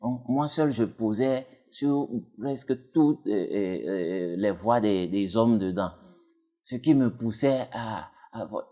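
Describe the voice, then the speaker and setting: Deep-voiced man. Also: takes it slowly, mellow. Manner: rambling, many fillers and restarts. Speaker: dubbing actor and technician, guest. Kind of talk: casual interview talk.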